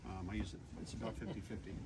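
A fairly low-voiced man speaks in a low-key, hesitant way, with pauses and fillers as he answers questions. The meeting room is recorded with clear background noise. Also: level tone. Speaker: model club member. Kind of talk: casual chat.

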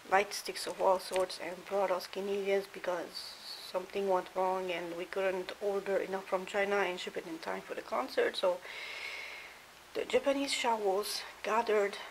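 This rough, hissy home recording captures a woman with a medium-pitched voice vlogging from a dim hotel room. She chats through a casual show-and-tell, half-whispering at times, over a steady background hiss.

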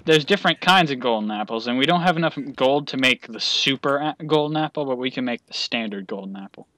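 A man's voice: medium pitch, lively intonation, quick pace, sharp tone. A young man in casual gaming chat, explaining things to a beginner in an easygoing, rambling way that trails off mid-sentence. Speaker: gamer teaching a beginner.

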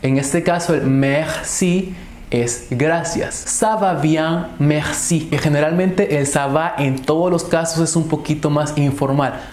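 A man giving an online French lesson, repeating each French word slowly and clearly so the listener can copy the pronunciation. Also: on the high side, a little mellow, slight background noise. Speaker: French teacher. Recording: echoey room.

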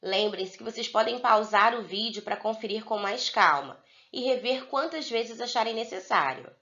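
Brazilian teacher lady doing a kids video lesson, drags words out slow, kinda muffled lo-fi audio. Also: on the high side, pushed and bright. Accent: Brazilian Portuguese. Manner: slow, drawn-out word-by-word dictation for young pupils. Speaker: primary school teacher. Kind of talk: recorded video lesson for children.

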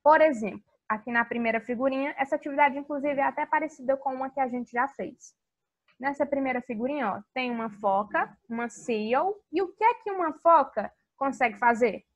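High-voiced woman teaching kids. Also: muffled recording. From Brazil. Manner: warm, sing-song teacher talk with slow modelled English words. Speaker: English teacher for young children. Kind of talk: recorded video lesson for kids.

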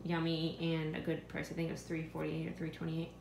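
Her voice a little low and her delivery brisk, a vlogger in her thirties narrates her groceries from a home kitchen, frequently stopping to remember prices as she chats. The audio sounds roomy, with a clear, steady household hum.

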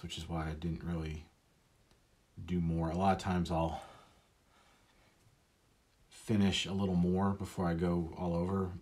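Chatting as he inks, this illustrator drifts from thought to thought and often mocks himself. He speaks in a low, slightly mellow voice.

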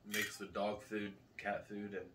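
A man's voice: on the low side, little pitch movement, unhurried. A man in his thirties hosting a homemade food challenge video, chatting casually as he tastes. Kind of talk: casual chat while tasting food. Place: small living room at a table, indoors. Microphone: camera a couple of metres away. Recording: faint room noise, distant camera mic.

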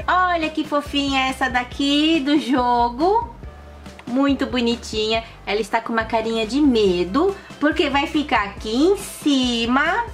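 A woman with a high, bright voice presents games to children in a sing-song, exclamatory way. She takes her time over the words. Soft music plays behind her. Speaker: host of a children's toy and game channel. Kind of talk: playful commentary for children while playing board games.

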